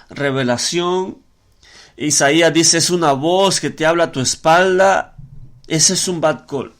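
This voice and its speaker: A man delivers a podcast sermon in a somewhat high voice. He teaches the scripture passage by passage, stumbling and restarting often and repeating words as he searches for the next thought. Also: a bit bright. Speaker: preacher.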